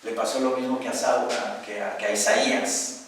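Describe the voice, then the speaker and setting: A man's voice: mid-range voice, steady tone, moderate pace, a bit bright, a little hiss or hum. A man preaching a sermon as a pastor, telling the story dramatically with rhetorical questions and sound effects. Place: church. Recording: very echoey room, voice far from the mic.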